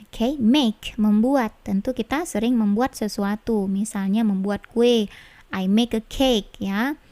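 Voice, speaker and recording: A woman with a fairly high voice leads a children's English vocabulary lesson. She speaks very slowly, repeating every word and drilling its pronunciation with patient care. The recording is dry and close, with no room sound. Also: warm tone, dry recording. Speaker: English teacher.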